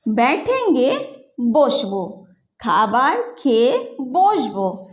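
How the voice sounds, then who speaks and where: A woman teaching a language lesson, patiently repeating and drilling words slowly, checking in with her viewers. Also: sits high, echoey room. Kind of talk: Hindi-medium language lesson.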